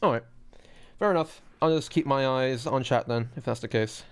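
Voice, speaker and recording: A man's voice: mid-range voice, normal speed, clean tone. A man streamer giving casual, amused reaction commentary in a laid-back way with some swearing. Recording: loud music behind voice. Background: soundtrack of cartoon being watched.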